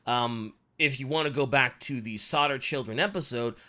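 A man's voice: medium pitch, moderate pace, bright, forceful tone. A man casually retelling a true-crime case on a podcast, swearing, restarting his lines, and slipping into a southern drawl for quotes.

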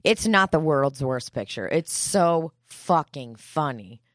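A woman's voice: sits low, animated, slow, no room sound, studio quality. Teasing, wry woman podcaster. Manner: teasing, wry, laughs easily. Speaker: podcast co-host. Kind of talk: casual chat.

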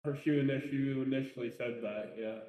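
A man's voice: medium pitch, fairly even intonation, fairly quick, dark tone. A man chatting playfully on a casual podcast with friends, sometimes stumbling over his words. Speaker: podcast co-host. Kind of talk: casual chat among friends.

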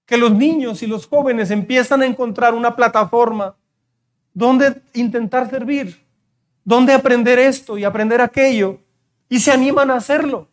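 At a normal speed and in a very high-pitched voice, a middle-aged man delivers a passionate sermon as pastor. Key phrases recur throughout as he speaks directly to the congregation.

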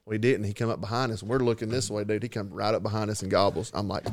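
A man's voice: lowish voice, fairly even intonation, fast, slight background noise. A man hosting a casual chat, telling stories in a folksy, colloquial way. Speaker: podcast host. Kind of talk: casual chat, hunting storytelling.

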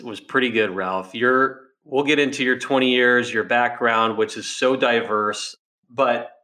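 Male podcast host, mid-range pitch, friendly interviewer. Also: pushed and bright. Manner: friendly, steers with questions.

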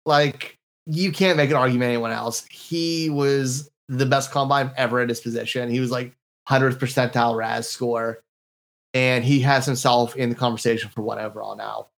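A man of middle pitch co-hosts a casual sports podcast. He talks in an eager, slangy way, full of "dude" and "like". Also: steady tone, moderate pace, gravelly, fairly bright tone. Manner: enthusiastic, slangy, says "dude" and "like". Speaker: podcast co-host.

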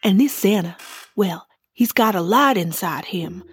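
A woman's voice: medium pitch, lively intonation, unhurried, husky. A woman playing a friendly, talkative ball ornament in a children's audio drama, telling tales matter-of-factly. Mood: eager storytelling. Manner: chatty, matter-of-fact storytelling. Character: chatty, friendly female Christmas ball ornament, newcomer.

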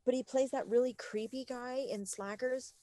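A woman's voice: sits high, normal speed, no room sound, clean studio sound. A woman co-hosting a podcast in casual chat, laughing and swearing freely as she tells stories. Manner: swearing, laughing, animated storytelling. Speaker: podcast co-host.

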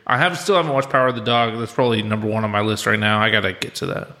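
A man with a bright, forward voice hosts a casual movie podcast. He talks in a loose, chatty way, with the sound of an empty room around him. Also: on the low side, fairly even intonation, racing. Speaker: podcast host. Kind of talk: casual film podcast chat.

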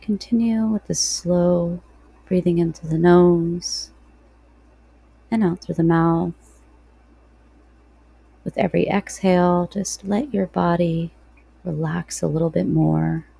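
A woman podcast host leading a guided breathing meditation in a soft, slow, soothing delivery with long pauses. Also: fairly low pitch, fairly even intonation, vocal fry, slightly rough, dry recording, poor audio.

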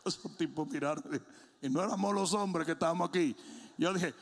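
A middle-aged man preaching a sermon in a large church, telling funny stories and then shouting as he builds. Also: a little high, fairly quick, gravelly. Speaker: pastor. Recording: long hall reverb.

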